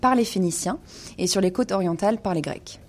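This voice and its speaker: A woman's voice: medium pitch, fairly quick. A woman presenting a weekly radio column on wine, speaking in a studio with frequent hesitations and fillers.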